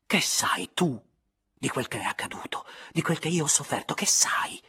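A man reading aloud and voicing an anguished young noblewoman, pleading and often breathy and whispered. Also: fairly high pitch, lively intonation, normal speed, sharp tone, voice pushed up, full character voice. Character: anguished young noblewoman, tender yet wounded.

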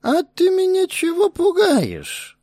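A man's voice: very high-pitched, huge pitch swings, slow, darkish tone, no echo, clean studio sound, voice pushed up, heavily acted. A man reading an audiobook, voicing a suspicious, half-deaf old woman who speaks in a wheedling near-whisper and snaps back sharply. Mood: defiant.

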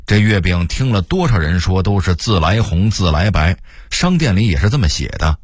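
A man voicing an excited old Beijing shop manager. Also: low-pitched, moderate pace, husky, no room sound, clean studio sound.

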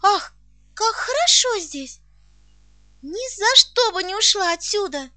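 A woman's voice: extremely high pitch, expressive, takes it slowly, sharp tone, voice pushed up, full character voice. A woman voicing an eager little orphan girl who exclaims with delight in an audiobook reading. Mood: excited.

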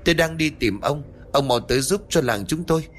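A man voicing a brash, foul-mouthed young village man who shouts and taunts, in a spoken horror story. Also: fairly low pitch, expressive, moderate pace, a little hiss or hum. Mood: pleading.

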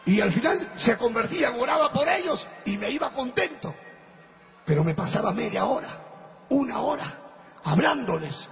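A male pastor preaching a sermon, telling a testimony and building up to fervent shouting, with a gravelly voice. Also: very high-pitched, big pitch swings, moderate pace, soft background music. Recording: muffled echoey hall with faint noise.

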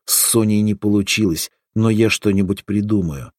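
A man reading a modern man's lines in an audiobook with a dry, deadpan manner. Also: fairly low pitch, normal speed, dry recording, close to an everyday voice. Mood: wry.

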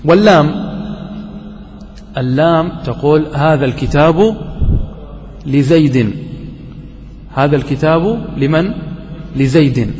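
Guy teaching grammar, quizzes the class, slow repeats, a bit high voice, dull echoey hall recording. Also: lively intonation, darkish tone. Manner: quizzes students and slowly repeats examples. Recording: dull lo-fi recording with long reverb and faint noise.

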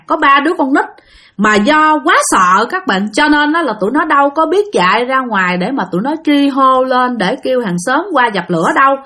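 A woman's voice: high voice, pushed and bright. A woman with a Southern Vietnamese accent, narrating ghost stories in a chatty way, addressing her listeners directly. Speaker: storyteller. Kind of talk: spoken ghost-story narration.

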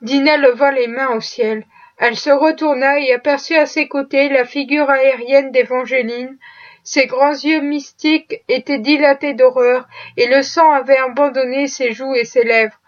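A woman reading a classic novel aloud in a measured, steady storytelling manner. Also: high voice. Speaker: audiobook reader. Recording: dull lo-fi recording.

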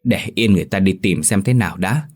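A man doing a gruff old village elder. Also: sits low, brisk, a little mellow. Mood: commanding. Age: older. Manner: gruff, scolding.

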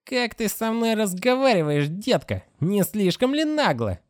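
A scornful middle-aged caretaker woman, as a male narrator puts her on, her voice pushed high into falsetto. She scolds with cutting contempt, swinging widely in pitch. The storybook recording sounds dry and close. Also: very animated, a little slow, no room sound. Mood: scolding.

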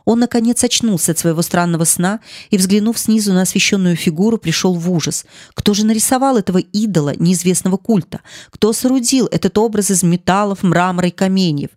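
An audiobook narrator reading a classic novel in a measured, expressive way. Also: medium pitch, no room sound, studio quality.

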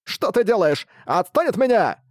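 Man doing a squeaky bat minion, shrill and panicky, high and jumpy, dry close sound. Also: sing-song, normal speed, no room sound. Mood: shrill boasting. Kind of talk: audiobook reading.

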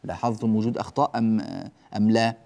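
A man teaching Quran recitation rules, stretching example words slowly and addressing his listeners directly. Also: fairly low pitch, little pitch movement, darkish tone. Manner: addresses listeners directly, mildly scolding asides. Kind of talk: religious lesson explaining tajweed rules.

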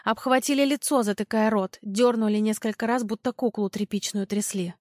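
A woman's voice: medium pitch, steady tone, brisk, darkish tone, dry recording, clean studio sound. A woman reading a tense first-person audiobook in a dramatic way. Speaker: audiobook narrator.

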